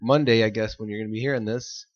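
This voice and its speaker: A man's voice: lowish voice, steady tone, quick pace, no echo. A man co-hosting a casual fitness podcast, rambling and laughing often. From United States. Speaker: podcast co-host. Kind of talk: casual chat. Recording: dull lo-fi audio.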